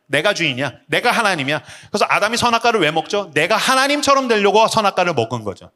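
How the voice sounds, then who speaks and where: A man in his thirties, a pastor preaching a sermon in a casual, lively way, using slang, rhetorical questions and acted-out quotes. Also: mid-range voice. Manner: lively, acts out quoted voices.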